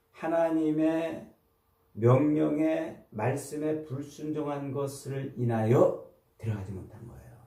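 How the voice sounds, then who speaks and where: A man's voice: mid-range voice, vocal fry, mellow, far from the mic. A man preaching a sermon as pastor, explaining the text patiently and asking his listeners questions. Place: church sanctuary. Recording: roomy sound from away from the mic.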